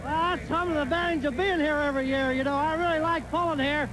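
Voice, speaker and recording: A man's voice: very high voice, steady tone, fast, crowd noise. A man, a veteran tractor puller, answering casually in a trackside interview. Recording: noisy arena around the voice.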